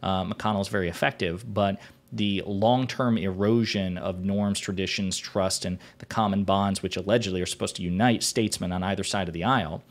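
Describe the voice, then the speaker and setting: Low-voiced man delivering opinionated political commentary. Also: steady tone. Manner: opinionated, deliberate, wordy with formal vocabulary. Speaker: political commentary show host.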